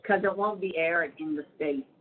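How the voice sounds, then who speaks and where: Woman, prison payphone call, tinny line, low voice, rambling. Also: moderate pace, slight background noise. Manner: rambling, lots of fillers. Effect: heard over a prison payphone call. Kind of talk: casual phone chat.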